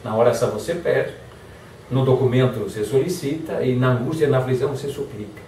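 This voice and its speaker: A man of mid-range pitch talks a little fast, with slight background noise, while giving an energetic motivational lecture. He acts out example lines in various tones. The recording comes from far away in a hall full of echo.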